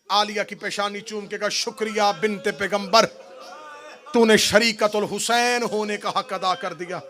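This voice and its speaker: A man, reciting a mourning sermon at a majlis, moving between hushed narration and sung wailing cries. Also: high voice. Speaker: Shia majlis orator.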